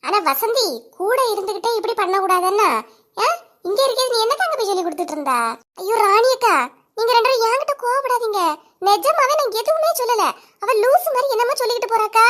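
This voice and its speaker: A woman voicing quarrelling village women in a cartoon comedy, sharp and scolding, with a Kanyakumari Tamil accent. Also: very high voice, animated, fast. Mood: quarrelsome. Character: bickering village women neighbours, quick-tempered.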